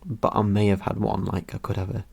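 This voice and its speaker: A young man talks casually through his results. His voice sits fairly low with a soft, mellow tone. He rambles, cracks dry jokes and leans on plenty of ums and uhs. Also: completely flat delivery, brisk, vocal fry, slightly rough. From Britain. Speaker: vlogger. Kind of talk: casual commentary over results.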